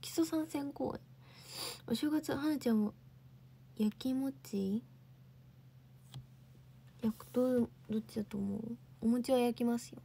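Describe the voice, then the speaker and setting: A woman's voice: on the high side, slow pace, gravelly, pauses often, warm tone, slight background noise. A young woman hosting a casual livestream, chatting and answering viewer comments. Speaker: idol livestream host.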